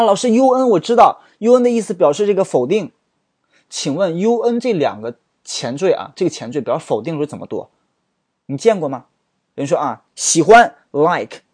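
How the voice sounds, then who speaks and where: A man's voice: a little high, darkish tone, dry recording. A man teaching English vocabulary, explaining word roots, spelling words out letter by letter and firing off rhetorical questions. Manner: asks many rhetorical questions.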